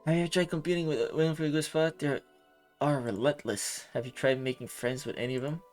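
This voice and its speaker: A man's voice: a little high, steady tone, a little fast, a little mellow, soft background music, close to an everyday voice. A man reading the lines of a chatty young woman intern who rambles bluntly and swears. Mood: bitter.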